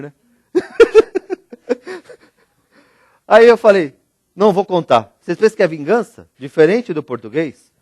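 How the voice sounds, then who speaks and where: Middle-aged Brazilian man, motivational speaker on stage; lively, jokey storyteller, slightly high voice, dry close sound. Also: no echo. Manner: animated, jokey, addresses audience directly. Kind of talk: storytelling keynote talk.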